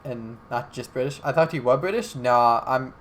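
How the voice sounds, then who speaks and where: A man's voice: mid-range voice, moderate pace, a bit bright, slight background noise. A young man from Alabama co-hosting a casual podcast, joking around, swearing freely and rambling. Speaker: podcast co-host. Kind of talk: casual chat.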